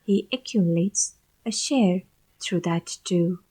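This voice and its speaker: A woman speaking as a live interpreter, rendering a sermon in short measured phrases with pauses between them. Her voice is low, breathy and mellow. She keeps a slow, careful pace.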